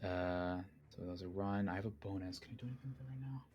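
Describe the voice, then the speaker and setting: A man playing in a tabletop role-playing game, swearing freely and thinking through his moves out loud. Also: low-pitched, quick pace, muffled recording. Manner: blunt and profane, thinking aloud. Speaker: player. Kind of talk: casual tabletop game play.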